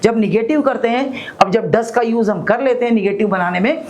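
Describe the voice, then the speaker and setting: A woman with an Indian accent teaching spoken English, explaining each rule step by step, asking her students questions and slowly repeating example sentences. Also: a little high, darkish tone, rough recording.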